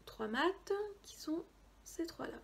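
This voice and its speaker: A woman chatting casually through a makeup haul video, hesitant, often dropping into quiet asides. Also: high voice, expressive, takes it slowly, vocal fry. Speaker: beauty vlogger.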